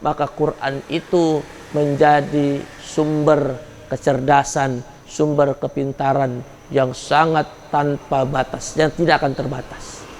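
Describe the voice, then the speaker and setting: A man's voice: on the high side, level tone, slow, slight background noise. A man preaching a sermon at a religious study gathering, turning to his listeners with casual colloquial asides and rising sharply when he scolds. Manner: casual colloquial asides addressing the men in the audience.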